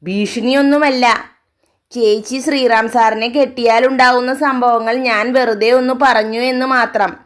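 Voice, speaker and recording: A woman's voice: on the high side, steady tone, moderate pace, voice pushed up, lightly acted. A woman voicing a stubborn, emotional teenage daughter who talks in a pleading, sulky way. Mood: defiant.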